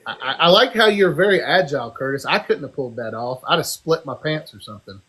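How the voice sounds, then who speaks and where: A man's voice: on the high side, expressive, fast, sharp tone, breathy edge. A man in a casual podcast chat, teasing and joking with his friends. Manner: teasing, jokey. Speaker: podcast co-host.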